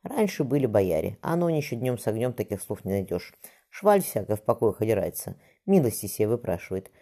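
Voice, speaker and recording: A narrator playing a menacing middle-aged tsar who talks in a venomous, mocking way. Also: male voice, fairly low pitch, very animated, brisk, mellow.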